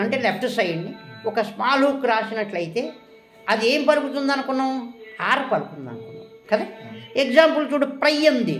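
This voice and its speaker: A woman's voice: a little high, fairly bright tone, echoey room. A woman teaching a shorthand lesson, quizzing her listeners with questions and then answering them herself. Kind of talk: classroom lesson.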